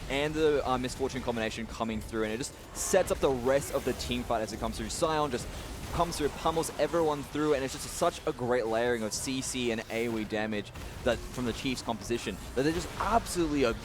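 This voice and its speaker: A man's voice: medium pitch, background noise. A man breaking down esports replays at speed, piling on fillers as he walks through the plays. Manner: fast, filler-heavy play-by-play breakdown. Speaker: esports analyst.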